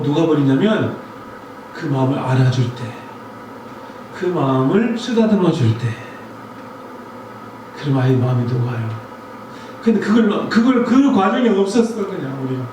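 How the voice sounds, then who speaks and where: A man preaches a Sunday sermon in a high voice, chatting through a personal story and putting questions to his listeners. His voice rings through a very echoey church hall, picked up by a distant mic over faint background noise. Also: big pitch swings, normal speed, pauses often, darkish tone. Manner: conversational storytelling, rhetorical questions to the congregation. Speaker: pastor. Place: church sanctuary.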